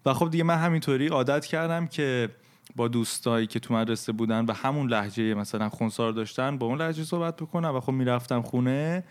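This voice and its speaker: A man's voice: medium pitch, steady tone, smooth. Reflective man with a light Isfahani accent. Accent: Persian, light Isfahani. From Isfahan, Iran. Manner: reflective, hesitant, laughs at himself. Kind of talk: casual podcast chat.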